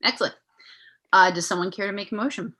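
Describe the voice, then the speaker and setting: A woman's voice: mid-range voice, quick pace, pushed and bright. A woman chairs a board meeting, moving formally through questions, motions and votes.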